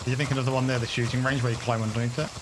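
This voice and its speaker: A man playing a tactical shooter as a teammate, giving calm, matter-of-fact callouts and directions. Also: medium pitch, rapid-fire, noisy background. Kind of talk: casual gameplay chat and callouts. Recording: loud game sounds behind.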